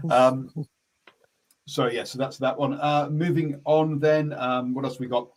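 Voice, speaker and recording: A man's voice: medium pitch, steady tone, takes it slowly, low-quality recording. A man hosting a casual rugby radio chat, hesitant with many fillers and restarts. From New Zealand. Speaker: sports radio host.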